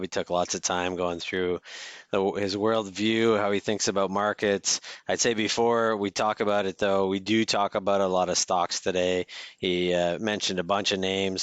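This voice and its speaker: Low, flat-voiced man co-hosting a podcast. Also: clean tone, no room sound. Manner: relaxed, measured, many filler pauses. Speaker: podcast co-host, investment advisor. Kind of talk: casual conversation.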